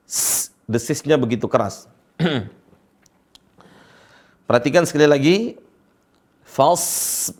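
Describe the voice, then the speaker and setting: A man's voice: medium pitch, darkish tone. A man teaching Quran recitation, patiently drilling each letter sound for his students.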